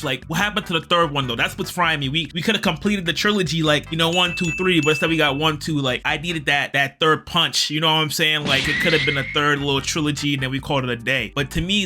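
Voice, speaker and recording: A young man rambling excitedly and in slang about old video games he loves, as host of his gaming channel. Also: a little high. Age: young adult. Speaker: gaming YouTuber. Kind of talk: casual gaming commentary vlog.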